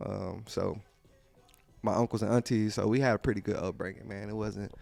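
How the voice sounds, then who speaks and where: A man's voice: fairly low pitch, fairly even intonation, fairly quick, vocal fry, a little mellow, soft background music. A man from Pontiac, Michigan, a rapper guest telling his life story in a loose, slangy, rambling way. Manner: laid-back, rambling, slangy, laughs often. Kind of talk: casual storytelling interview. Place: clothing store.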